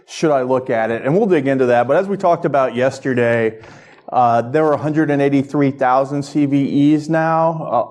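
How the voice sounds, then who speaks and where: A man with a medium-pitched voice speaks as a presenter at a technical conference. He delivers an informal lightning talk in a conversational manner, addressing his listeners directly and checking that they follow. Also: darkish tone.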